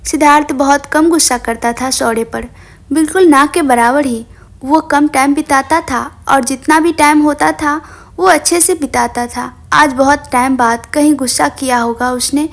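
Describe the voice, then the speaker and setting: A woman storyteller reading a tender drama with an expressive, emotional delivery. Her voice sits high and keeps a steady storytelling flow. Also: moderate pace. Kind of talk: scripted story narration.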